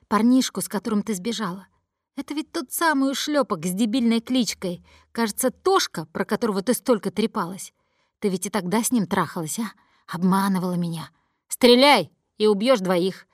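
A woman's voice: mid-range voice, dry recording, studio quality, lightly acted. A woman reading an audiobook voices a young male gang leader who taunts and threatens in a cold, bitter tone.

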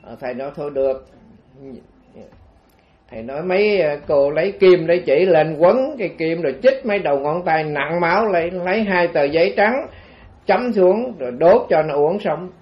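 A man's voice: on the high side, animated, brisk. A man with a Southern Vietnamese accent, a Buddhist monk telling a story in a dharma talk, chatty and full of fillers, on a dull lo-fi recording. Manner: chatty, meandering, frequent fillers.

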